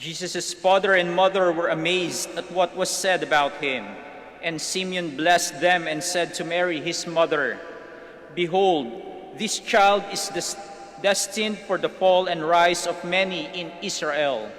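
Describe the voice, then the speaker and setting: A Filipino man preaches from the altar with a high, bright voice. His words ring out with a long cathedral echo, and he sits a little back from the mic. His delivery is measured and solemn. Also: steady tone. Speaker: priest. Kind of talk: gospel reading and homily. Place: large church. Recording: long church hall reverb, off-mic.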